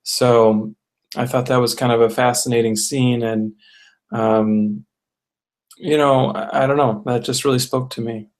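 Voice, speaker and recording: Male co-host, casual chat: mid pitch, monotone delivery, earnest and even, filler-heavy. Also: a little slow. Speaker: co-host reviewing a film. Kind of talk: casual discussion.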